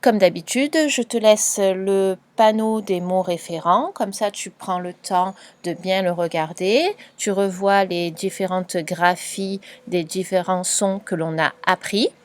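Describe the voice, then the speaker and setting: A woman teacher giving a patient, clearly spoken dictation lesson to a young pupil, spelling out letters and sounds. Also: mid-range voice, measured pace, hardly any pauses. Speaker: primary school teacher.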